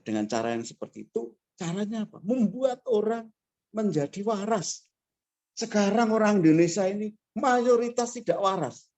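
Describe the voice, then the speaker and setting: A man giving a fiery motivational talk as a guest speaker, telling stories emphatically and swinging between quiet asides and loud bursts over a video call. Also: high voice.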